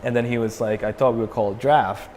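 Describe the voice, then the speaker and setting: A man's voice: medium pitch, fast talker, big-room sound, slight background noise. A young man from Sri Lanka, a metal band frontman, chatting casually as an interview guest with lots of fillers and restarts. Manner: relaxed, many fillers and restarts.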